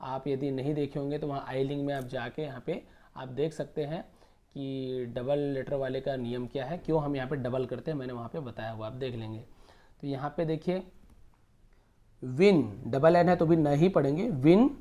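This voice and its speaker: A man from India teaching English pronunciation, slowly repeating words and spelling them letter by letter. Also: medium pitch, fairly even intonation, dark tone.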